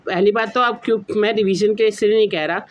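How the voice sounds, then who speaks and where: A young student YouTuber gives informal exam study advice to students, talking fast in a high-pitched voice. He mixes English words into his speech and explains things in a rambling, repetitive way.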